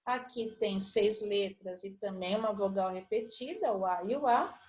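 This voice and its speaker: A middle-aged primary school teacher with a Brazilian Portuguese accent gives an online lesson for children. Her voice is medium-pitched at a normal speed, and she patiently spells out syllables and clues step by step.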